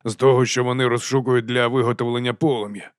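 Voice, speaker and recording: A man voicing a gloomy, curt middle-aged watch captain in an audiobook, speaking slowly. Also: medium pitch, level tone, no echo, studio quality, natural voice. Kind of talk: audiobook character voice.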